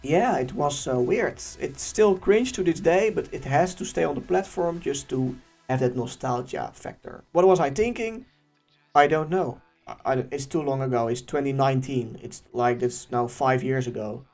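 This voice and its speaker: Lively young man with Dutch accent. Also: on the high side, normal speed, soft background music. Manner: chatty and animated, laughing often. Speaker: YouTube channel host. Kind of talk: casual Q&A reading viewer questions.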